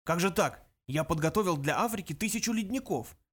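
A polite old gentleman, fussy and earnest about his craft, speaking in a somewhat high voice, as a male reader plays him. A storybook figure. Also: sing-song, normal speed. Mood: courteous. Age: older. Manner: courteous, fussy. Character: polite elderly male planet builder, artistic.

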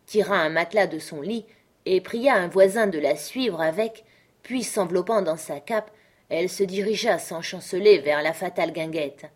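Low-voiced woman reading a classic novel. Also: darkish tone. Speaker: narrator.

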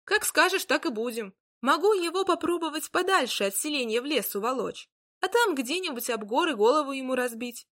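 Storybook dragon, male, brash and dim, loud and raised in pitch, as a woman reads him. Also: lively intonation, fairly quick. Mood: eager. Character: boastful simple-minded male dragon shapeshifter.

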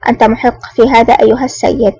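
A woman reading an elegant, smug and menacing man with a smooth, sly manner in an audiobook. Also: on the high side, flat delivery, rapid-fire, warm tone, poor audio. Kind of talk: audiobook narration.

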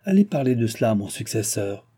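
A man's voice: on the low side, big pitch swings, brisk, dark tone. A man voicing an aging French king who talks in an ironic, offhand way.

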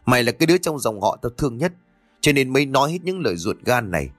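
A man's voice: lowish voice, animated, a little fast, fairly bright tone, faint music behind. A man voicing a blunt, hard-drinking older uncle who scolds coarsely. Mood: scolding.

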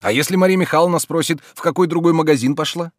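A man voicing an anxious, fussy, reluctant gentleman in an audiobook, speaking nervously and impatiently. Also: fairly high pitch, quick pace, no echo, clean studio sound, pitched above the performer's own voice, close to an everyday voice. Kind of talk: audiobook character reading.

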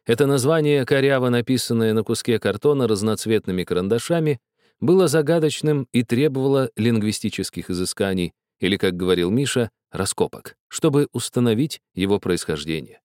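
A man reading a story aloud in a steady, wry narrating manner. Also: mid-range voice, a little fast, dry recording, clean studio sound. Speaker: audiobook reader. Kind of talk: scripted narration.

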